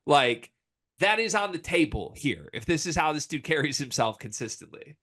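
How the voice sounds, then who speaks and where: A man's voice: fairly high pitch, very animated, normal speed, fairly bright tone. An American man co-hosting a casual sports talk show, speaking emphatically in informal slang and hyperbole. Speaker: sports podcast host.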